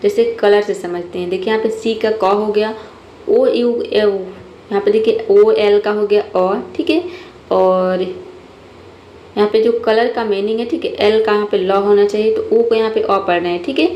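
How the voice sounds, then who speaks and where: A woman's voice: mid-range voice, fairly even intonation, moderate pace, dark tone, dull audio. A woman teaching English pronunciation rules step by step in a patient, methodical way. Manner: patient, methodical, repeats "ठीक है" often. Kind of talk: phonics lesson explaining rules step by step. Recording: echoey room, faint noise.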